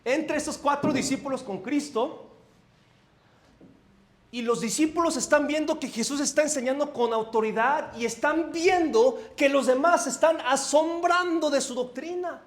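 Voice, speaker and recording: A man's voice: very high voice, unhurried. A man from Mexico City with a Mexico City accent, preaching a conversational sermon as a pastor and often asking the congregation questions. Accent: Mexico City Spanish. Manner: animated, asks the congregation questions, swings between loud and soft. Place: church sanctuary.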